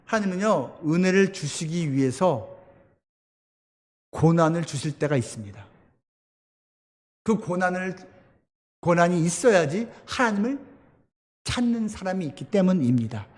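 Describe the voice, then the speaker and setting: Pastor guy giving a sermon, high voice, acts out the bible scenes, long echo in the church. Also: a little slow, pauses often. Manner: animated storytelling, acts out voices. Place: church sanctuary. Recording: long church hall reverb.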